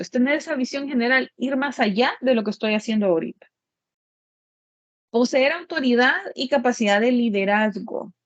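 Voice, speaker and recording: A woman's voice: on the high side, no room sound, muffled recording. A woman architect lecturing her students in a plain-spoken way, repeating each point with everyday examples.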